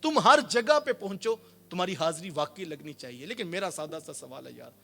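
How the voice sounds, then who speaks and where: A man preaching a sermon, telling stories with quoted voices and swinging between loud and soft passages. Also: on the high side, animated, gravelly. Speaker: Islamic preacher.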